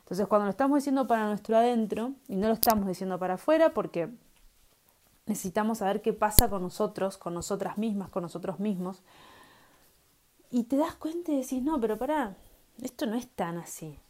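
A woman's voice: medium pitch, expressive, fairly quick, mellow. A woman with a Rioplatense Spanish accent, hosting a reflective solo podcast in a conversational tone, full of fillers and "¿no?" tags. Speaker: podcast host.

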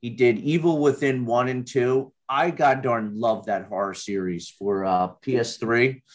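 Blunt, casual man, mid-pitched. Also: steady tone, a little slow. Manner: casual and blunt, with slang and mild swearing. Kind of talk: casual podcast chat.

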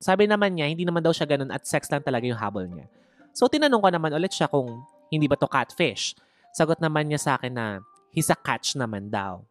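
Low-voiced woman telling a gossipy tale. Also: big pitch swings, fast, soft background music. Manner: gossipy, playful, dramatic asides to the listener. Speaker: storyteller. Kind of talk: candid personal story, Taglish.

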